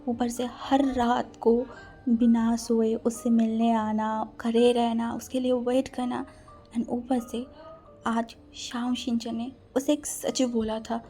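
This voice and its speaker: A woman narrating a romance fan story with dramatic, breathless delivery. Her voice is mellow and warm, and sits a little high for a woman. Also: level tone, slow, soft background music.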